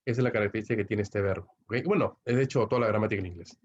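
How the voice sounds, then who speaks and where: Peruvian man teaching English grammar. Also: fairly low pitch. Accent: Peruvian Spanish. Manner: explains slowly with tag questions. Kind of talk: recorded online lesson. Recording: dull lo-fi recording.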